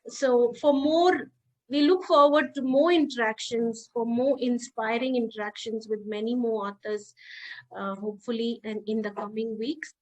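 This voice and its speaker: A woman with an Indian English accent hosts a podcast interview in a fairly high voice. She gives warm thanks and often repeats words as she restarts her sentences. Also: rough recording. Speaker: podcast host. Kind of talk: casual interview wrap-up.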